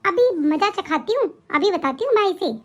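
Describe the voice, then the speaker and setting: A woman voicing a sly, scheming young sister-in-law in an animated cartoon, whiny at times. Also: very high-pitched, moderate pace, lo-fi sound.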